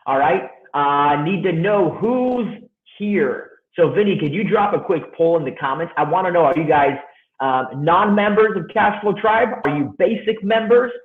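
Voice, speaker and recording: An upbeat man talks to a webinar audience in a direct, casual way. His voice sits a bit high and comes through a tinny, echoey call line. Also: animated, normal speed. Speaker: guest speaker. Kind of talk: webinar teaching.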